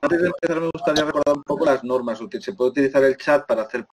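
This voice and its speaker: A man's voice: fairly high pitch, racing, background noise. A man moderating a panel on a video call, speaking hesitantly and repeating words.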